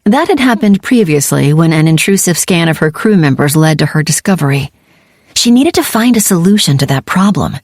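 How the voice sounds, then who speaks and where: Brief: woman audiobook narrator, lowish voice, dry close sound, steady delivery. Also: brisk, dry recording. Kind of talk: scripted narration.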